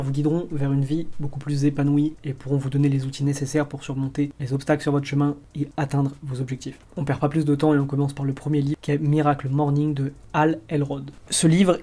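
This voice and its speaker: A man talks quickly and steadily, moving through book recommendations without pausing. His voice sits a little high but sounds dark and mellow, and his pitch barely moves. Now and then he tosses in a dry joke about his own pronunciation. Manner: quick, brisk delivery with self-mocking asides. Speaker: YouTube host.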